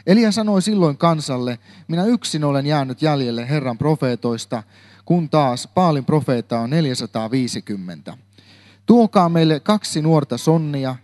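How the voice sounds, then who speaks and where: A man's voice: mid-range voice, darkish tone. A man giving a Bible talk, reading a long scripture passage aloud with occasional slips and self-corrections. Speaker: preacher.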